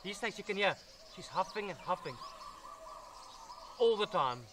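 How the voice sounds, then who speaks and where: A chatty, excitable man talks through a wildlife vlog at an outdoor sanctuary. His voice sits high for a man, and faint birdsong and outdoor ambience drift behind him. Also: normal speed, background noise. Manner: enthusiastic, chatty, explaining as he handles a snake. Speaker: wildlife presenter.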